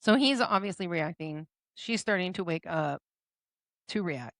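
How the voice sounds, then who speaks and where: Lively woman podcast co-host, dry mic. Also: fairly low pitch, no room sound. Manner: animated, quick to exclaim and protest. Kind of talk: casual chat.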